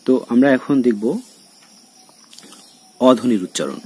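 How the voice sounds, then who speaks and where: Man, college lecturer, from Bangladesh, husky, dark tone, slow repeated examples, talks to students. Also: medium pitch, lively intonation. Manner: explains slowly, repeats example words; addresses students directly. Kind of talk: recorded Bangla grammar lesson.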